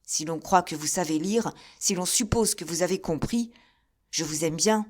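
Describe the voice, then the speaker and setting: Woman reader doing a forceful middle-aged musketeer captain, urgent and commanding, audiobook. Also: lowish voice, moderate pace, lightly acted. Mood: hushed warning. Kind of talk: audiobook character reading.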